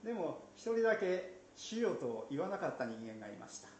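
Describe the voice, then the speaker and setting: A man teaching from the Bible in a conversational way, slipping in playful asides and soft laughs. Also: a little high, very animated, fairly quick. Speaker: pastor. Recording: roomy echo, faint background noise.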